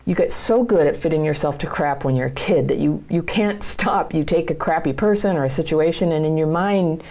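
A middle-aged woman with a low voice, talking straight to her viewers about their lives. Her tone is dark and mellow, with a gravelly edge. She speaks as a coach, earnest and plain-spoken. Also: brisk. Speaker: channel host and coach. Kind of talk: direct-to-camera advice talk.

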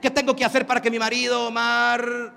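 A man's voice: very high voice, completely flat delivery, brisk, vocal fry, bright, forceful tone, slight background noise. A man with a Mexican accent giving a live motivational talk. He speaks emphatically, throws questions at the audience and uses crude slang. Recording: long hall reverb, faint ambience.

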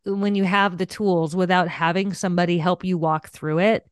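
A woman's voice: on the low side, normal speed, clear, resonant tone, no room sound, studio quality. A woman podcast host and coach, chatting casually and animatedly in an interview, telling stories about herself and laughing often. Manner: animated storyteller, self-deprecating, laughs often.

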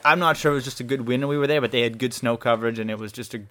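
A man's voice: mid-range voice, very fast, pushed and bright. A young man co-hosting a casual podcast in a small studio, rambling eagerly through long explanations. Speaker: podcast co-host. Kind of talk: casual chat.

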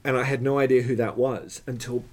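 A man's voice: mid-range voice, fairly even intonation, fairly quick. A man from South Florida co-hosting a podcast, telling rambling, anecdotal stories in a casual chat and slipping in dry jokes. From South Florida, USA. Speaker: podcast co-host.

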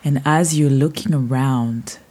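A woman guiding a sleep meditation like a slow soothing countdown, hushed and trailing off toward a whisper, as a podcast host. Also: a bass voice. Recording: soft music behind the voice. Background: soft music.

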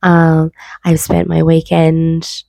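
Woman doing a candid solo podcast from bed, sick with a cold, low creaky voice, pretty dry sound. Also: completely flat delivery, slow pace, warm tone, dry recording. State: unwell with a cold, low energy. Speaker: podcast host, wellbeing coach. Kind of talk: personal podcast monologue. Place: bedroom, sitting on bed. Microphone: makeshift mic, not usual podcast microphone.

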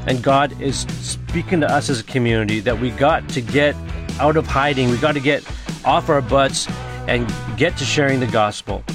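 A man's voice: mid-range voice, moderate pace, over music. A man preaching a casual, earnest sermon as pastor, talking conversationally with everyday slang and reading scripture aloud.

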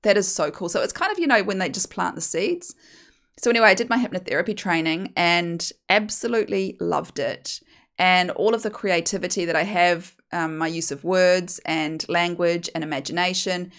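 Hosting her podcast, a hypnotherapist in her forties from New Zealand recounts personal stories with candor, chattiness, and self-mockery, in her New Zealand accent. Her voice is lowish yet fairly bright.

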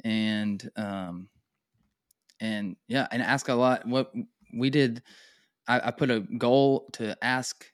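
A man's voice: mid-range voice, steady tone, takes it slowly, no echo, clean studio sound. An American man, a pastor and church planter, talking casually and enthusiastically in a podcast interview, with slang and frequent laughs.

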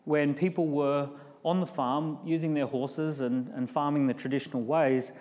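This middle-aged Australian keynote speaker has a fairly high, darkish voice, with fairly even intonation at normal speed. He addresses a live audience in a large room conversationally, using fillers and restarts. Long hall reverb is present.

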